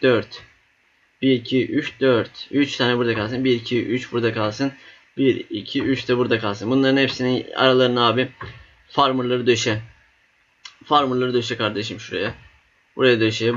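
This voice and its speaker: Excitable young man commentating a battle game. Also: mid-range voice. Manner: excitable, swears casually, cheers on units. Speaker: gaming YouTuber. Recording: slightly dull lo-fi mic.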